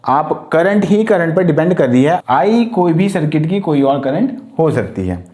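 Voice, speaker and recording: A man's voice: a little high, sing-song, normal speed, warm tone. A man teaching a lesson for competitive-exam students, explaining step by step and speaking directly to his students. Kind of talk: exam-prep lecture.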